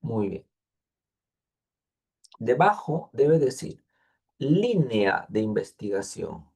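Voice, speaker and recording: Gravelly, mellow teacher. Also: male voice, mid-range voice. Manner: patient, repeats details, thinks aloud with fillers. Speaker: thesis advisor. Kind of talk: online class instruction.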